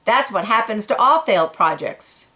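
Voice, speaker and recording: A woman's voice: mid-range voice, lively intonation, moderate pace, bright, forceful tone. A woman voicing a blunt, kindly cockroach. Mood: matter-of-fact.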